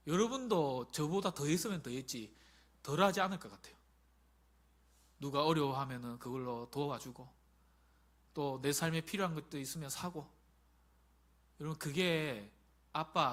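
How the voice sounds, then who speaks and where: A pastor in his forties preaches a Sunday sermon. His voice is bright and forceful and sits a little high. He talks with animated emphasis and keeps throwing rhetorical questions at the congregation. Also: moderate pace, pauses often. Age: 40s.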